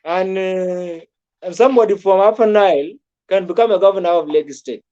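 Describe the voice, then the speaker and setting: A man's voice: high voice, normal speed, darkish tone, dull audio. A man from South Sudan giving rambling, repetitive political commentary in a casual talk, with frequent restarts.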